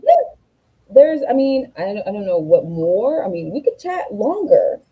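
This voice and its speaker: A woman co-hosting a casual livestream chat as a board member, lively and affirming, reading out viewer comments. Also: medium pitch, normal speed, phone-quality sound, crowd noise.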